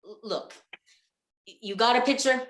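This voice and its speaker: In a 1940s radio comedy routine, a woman plays a flustered, exasperated, bewildered comic sidekick who stammers and presses her questions insistently. Her voice is on the high side and a bit bright, at a moderate pace, lightly acted, with reverberant, poor-quality audio.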